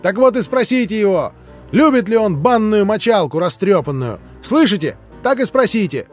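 A man voicing an angry, taunting schoolboy in a red shirt in a storybook reading, with a shrill, jeering, excited delivery. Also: normal speed, soft background music.

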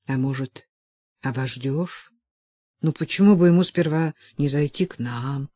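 A woman's voice: rumbling low, unhurried, dark tone. A woman reading the part of a worried middle-aged mother who pleads anxiously with her daughter. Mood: pleading.

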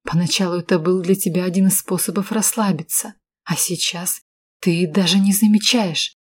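A woman reading an audiobook, voicing a cool, calculating woman who speaks in a calm, measured and insistent way. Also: on the low side, breathy edge. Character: cool, calculating woman, steady under pressure.

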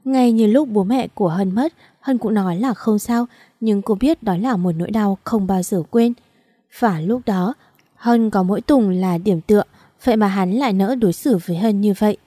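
A woman's voice: medium pitch, moderate pace, dark tone, dry recording. A woman narrating an audio story in a sorrowful, emotional manner, close to the mic.

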